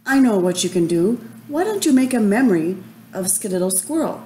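Storybook mother raccoon, soft and patient, low and mellow, read by a woman. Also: very animated, brisk, slight background noise, natural voice. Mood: encouraging. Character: gentle caring mother raccoon.

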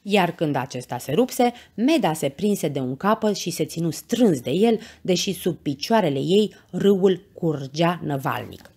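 A woman reading a children's bedtime story aloud, with expressive, animated narration. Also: lowish voice, few pauses, slightly rough.

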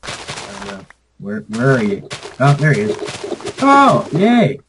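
A man's voice: medium pitch, big pitch swings, moderate pace, slight background noise, low-quality recording. A young man chatting casually and bluntly while gaming over a call, teasing and swearing.

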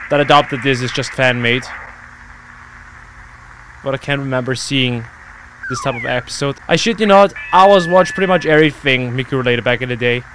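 A young adult YouTube reaction host with a medium-pitched voice delivers casual, exclamatory and sweary commentary, with background noise audible. He's recording in a home gaming room on a close desk microphone mounted on a boom arm.

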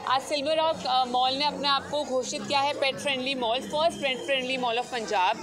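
A woman's voice: high-pitched, fairly even intonation, a little fast. A woman in her twenties representing a pet brand, giving an upbeat, inviting interview at an event booth. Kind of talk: promotional interview. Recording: music and crowd behind.

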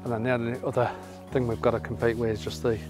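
A middle-aged man on a beach, talking casually about his landscape photography, enthusiastic and sometimes dropping to a soft hush. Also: medium pitch, level tone, fast talker, over music. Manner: enthusiastic, drifting to soft hushed remarks. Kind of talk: casual vlog narration. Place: open sandy beach outdoors at sunset.

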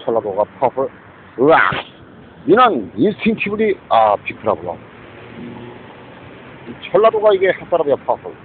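A man's voice: medium pitch, huge pitch swings, moderate pace, long pauses. A man in his fifties talking in a rambling monologue, mixing English words into his speech and often adding tag questions. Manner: rambling, muttering asides. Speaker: street preacher livestreamer. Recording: tinny phone-like lo-fi audio with faint noise.

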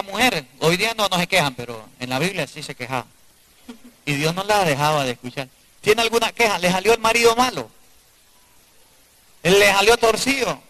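Male priest, sermon to a live congregation; bright, forceful tone, drops to a hush between emphatic questions. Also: sits high, rough recording. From Venezuela. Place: church before a live congregation.

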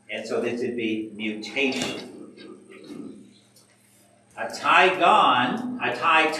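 A man leads a church class in a slow, deliberate teaching voice with a bright, forceful edge. He sits at some distance from the mic in a very echoey room. Faint background noise runs under his words. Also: medium pitch. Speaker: Bible study leader.

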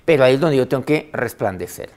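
A man preaching a sermon, reading scripture aloud with emphasis, slowing on key phrases and letting line ends trail off softly. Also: mid-range voice, animated. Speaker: pastor.

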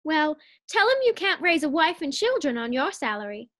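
Woman playing very high-pitched scatterbrained radio housewife. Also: big pitch swings, moderate pace, bright, forceful tone, heavily acted. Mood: breezy. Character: scatterbrained, scheming, cheerful young housewife Liz. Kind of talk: 1940s radio sitcom acting.

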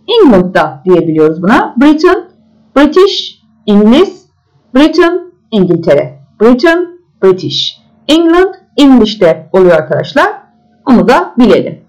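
A woman teaching young children English, slowly drilling each word again and again, with sing-song jumps on the English words. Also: medium pitch, poor audio. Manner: slow repetitive drilling of words. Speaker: primary school English teacher.

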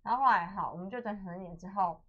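A woman's voice: medium pitch, very fast, lo-fi sound. A young woman with a Taiwanese Mandarin accent, hosting a radio chat and telling stories with acted-out dialogue and laughter. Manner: animated storyteller, acts out dialogue, laughs often. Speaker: radio host. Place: radio studio.

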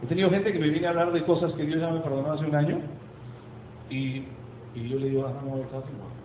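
A man preaching as pastor, emphatic, asking rhetorical questions and slowing down for effect. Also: on the high side, steady tone, reverberant, lo-fi sound, a little hiss or hum. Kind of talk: sermon. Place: church sanctuary.

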